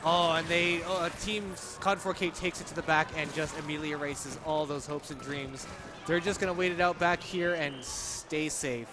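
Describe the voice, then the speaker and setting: A man's voice: a little high, fairly even intonation, moderate pace, background noise. A man doing live esports commentary, chatty and explaining game mechanics with a laugh.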